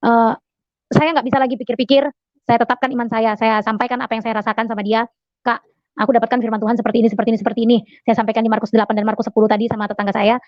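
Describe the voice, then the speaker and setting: A woman's voice: a little high, flat delivery, rapid-fire, dry recording, lo-fi sound. A woman giving a personal testimony in an earnest storytelling manner, full of "eh" fillers and addressing the audience directly. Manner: addresses listeners as Bapak Ibu Saudara. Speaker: testimony speaker.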